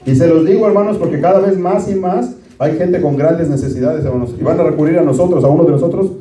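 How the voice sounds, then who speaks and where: Man, pastor, conversational sermon, slightly high voice, echoey distant recording. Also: quick pace, dark tone. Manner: conversational preaching, repeatedly addressing listeners as brothers. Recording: roomy, distant from the mic.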